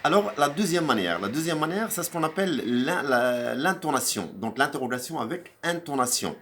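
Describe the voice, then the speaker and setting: A man's voice: fairly high pitch, big pitch swings, brisk, fairly bright tone, a little hiss or hum. A male teacher giving a recorded video grammar lesson, hesitant with many fillers and restarts, lifting his voice on the example questions. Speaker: French teacher.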